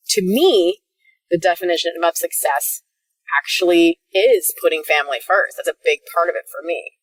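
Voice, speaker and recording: Animated, chatty woman podcaster, slightly lower voice. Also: distant mic, poor audio. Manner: chatty and animated, swears freely, laughs often, acts out her own reactions. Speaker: podcast host, life coach. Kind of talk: casual solo podcast monologue.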